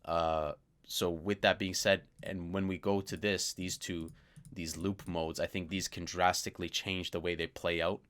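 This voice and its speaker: A man's voice: low voice, level tone, measured pace, a bit bright. A man casually walking through a synthesizer plugin, thinking aloud with plenty of fillers and trailing remarks. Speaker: music producer reviewing a synth plugin. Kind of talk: casual screen-recorded software walkthrough. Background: synth sounds playing.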